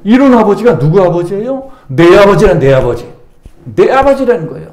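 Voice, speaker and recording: A man's voice: high voice, sing-song, brisk, darkish tone. A male senior pastor preaching a Sunday sermon with emphatic delivery, putting rhetorical questions to the congregation. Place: church sanctuary. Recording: echoey church sanctuary.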